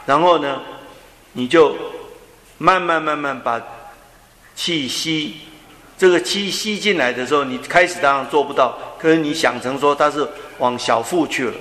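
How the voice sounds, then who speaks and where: A man giving a slow, gentle dharma talk on breathing meditation, often trailing off with soft drawn-out particles. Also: fairly high pitch. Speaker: Buddhist teacher. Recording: echoey hall with long reverb.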